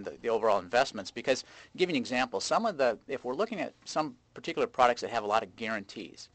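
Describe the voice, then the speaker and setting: A man's voice: mid-range voice, a bit bright, no echo. Dry-sounding male financial guest. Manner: measured, with fillers. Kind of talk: radio interview.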